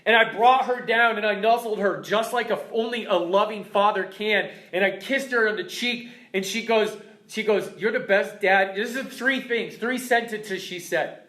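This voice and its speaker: A man's voice: high-pitched, moderate pace, bright, forceful tone, echoey room. A man in his thirties, the founder of a fitness program, telling an emotional story as a motivational talk to his members.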